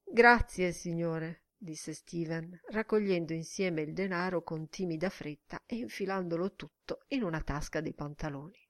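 A woman reading a literary novel aloud as audiobook narration, measured and deliberate. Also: lowish voice, no echo, clean studio sound. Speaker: audiobook reader.

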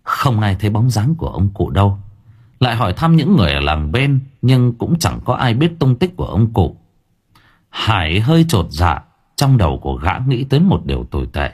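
Husky, animated male storyteller. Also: fairly low pitch, moderate pace. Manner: expressive, dramatic storytelling. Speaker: audiobook narrator. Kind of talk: scripted narration.

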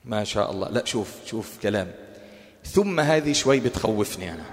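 A man's voice: fairly low pitch, expressive, fairly quick. A male teacher with a Levantine Arabic accent gives a colloquial religious lecture, putting questions to his class and answering them himself. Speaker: Quran course teacher. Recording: reverberant hall.

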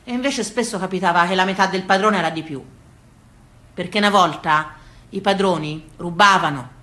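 In a roomy, echoing space, a Tuscan-accented woman delivers a theatrical monologue recalling rustic family life. As storyteller and stage actress, she is folksy, emphatic and rhythmic, her lowish voice a bit bright at a normal speed.

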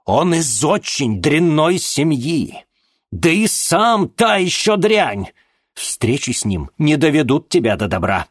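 A man voicing a strict, angry middle-aged father who scolds loudly in an audiobook. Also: mid-range voice, very animated, normal speed, hardly any pauses, no echo, studio quality, pitched above the performer's own voice. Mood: furious. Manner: loud, growling and scolding. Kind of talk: audiobook character voice.

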